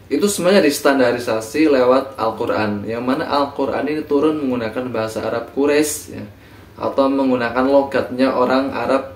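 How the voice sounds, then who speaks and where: A man explains history in a loose, chatty lecture, often pausing and correcting himself as he goes. His voice sits in an ordinary middle register. He is recorded from a distance in a room that echoes. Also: mid-range voice. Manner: relaxed, conversational, frequent fillers and self-corrections. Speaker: teacher.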